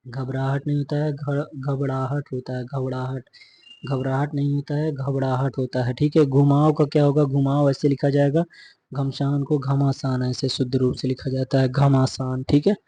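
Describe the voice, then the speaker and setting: A young man drills spelling word by word in an exam-prep lesson, pausing often to check in. His voice is dark and husky, and it barely rises or falls. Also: medium pitch. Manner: repetitive, methodical dictation with frequent "theek hai" check-ins. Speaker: teacher.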